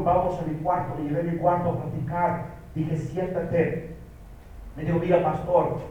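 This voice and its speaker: A man's voice: a little high, far from the mic. Man, Mexican Spanish accent, pastor's sermon, emphatic and repetitive, very echoey church hall, faint background noise. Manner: emphatic preaching, repeats words, climbs to shouts. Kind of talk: sermon to young people. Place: church sanctuary.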